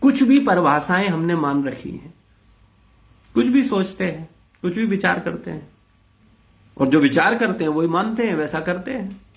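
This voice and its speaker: A man's voice: sits high, lively intonation, normal speed, gravelly, long pauses. A man leading an interactive spiritual discourse, blunt and rhetorical, questioning his listeners. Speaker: spiritual teacher leading a class.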